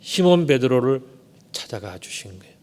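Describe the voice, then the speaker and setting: A man's voice: medium pitch, very animated, moderate pace, darkish tone. A man preaching a sermon as pastor, asking rhetorical questions and swelling dramatically on key words. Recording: long church hall reverb.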